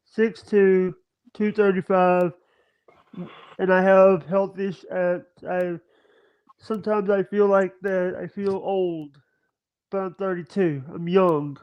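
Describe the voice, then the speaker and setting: Halting, stammering man in his thirties. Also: sits high, little pitch movement, clear, resonant tone. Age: 30s. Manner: halting, stammering, many restarts. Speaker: livestream guest. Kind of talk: casual chat. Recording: dull lo-fi stream audio.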